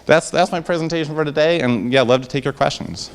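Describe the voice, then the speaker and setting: Speaking fast into a handheld microphone, a man pitches his startup before a live audience in an event room and then fields questions. He's upbeat and salesman-like, restarting sentences often, and the recording carries a little hiss or hum.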